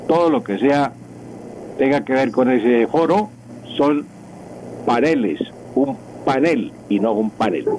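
A man's voice: medium pitch, darkish tone, slight background noise, poor audio. An older man with a Colombian accent, a language professor explaining words on a radio segment, repeating terms for emphasis.

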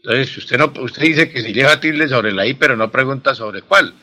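Man, radio language expert, bright tense voice, patient, repeats himself. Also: mid-range voice, moderate pace. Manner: patient, repetitive, explanatory. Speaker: language expert answering listener questions. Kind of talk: radio call-in explanation.

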